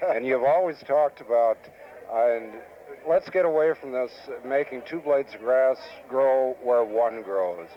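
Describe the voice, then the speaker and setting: A man's voice: medium pitch, unhurried. Male interviewer on muffled old tape. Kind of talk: recorded interview.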